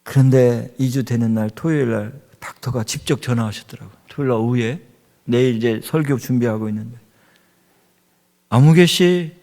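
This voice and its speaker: A man's voice: mid-range voice, fairly even intonation, fairly quick, dark tone. A middle-aged man preaching a sermon as a pastor, telling a story and building to fervent emphasis. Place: church sanctuary. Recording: long church hall reverb.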